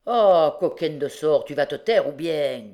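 Woman reading as a gruff guilty bandit, evasive, low pitch, storybook reading. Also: animated, unhurried, dark tone. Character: shifty guilty male bandit, rough.

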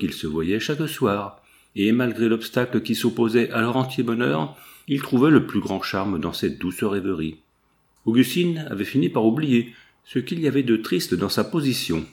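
A man narrates a classic novel in a measured, even storytelling way. His voice sits low for a man. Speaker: audiobook narrator. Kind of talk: scripted literary narration.

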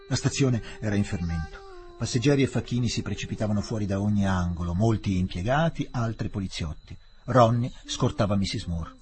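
Man reading a novel aloud. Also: fairly low pitch. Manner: measured, expressive storytelling. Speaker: narrator. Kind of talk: literary reading for radio.

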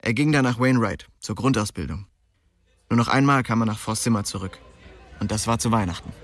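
Playing a young streetwise man, an actor recounts a small-town youth in colloquial, wry first-person narration for a radio drama. He speaks a little fast in a fairly low voice with lively intonation.

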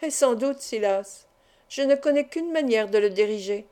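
A man's voice: very high voice, lively intonation, moderate pace, dark tone, smooth. A woman reading the part of an impudent, ironic male gambler who stays coolly confident, in a storybook narration. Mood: coaxing.

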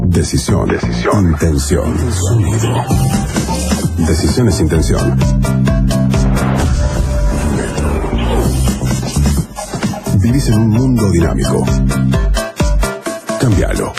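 A man announces promos in punchy phrases. His low voice moves slowly with wide intonation over loud electronic music. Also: creaky. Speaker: radio station announcer.

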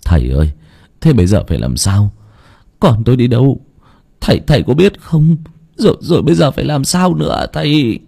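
A man's voice: deep voice, sing-song, normal speed, a little mellow. Guy playing a worried old village dad, flustered, voice jumping up and down. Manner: flustered, pleading questions. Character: worried elderly village father.

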